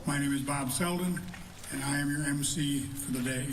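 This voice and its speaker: A man acting as master of ceremonies, making formal, measured announcements. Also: on the high side. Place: outdoor cemetery ceremony over loudspeakers. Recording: echoing, distant mic, clear background noise.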